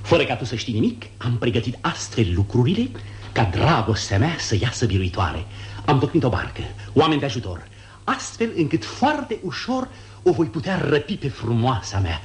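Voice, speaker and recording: An actor as haughty Don Juan, very animated. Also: male voice, mid-range voice, close to an everyday voice. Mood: smug, scheming. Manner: haughty, commanding. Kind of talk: 1950s radio theatre acting. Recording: noisy, humming 1950s radio recording.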